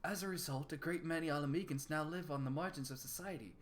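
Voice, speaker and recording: A man voicing a measured, grave quest-giving advisor with stately, formal phrasing in a tabletop game. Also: on the high side, natural voice.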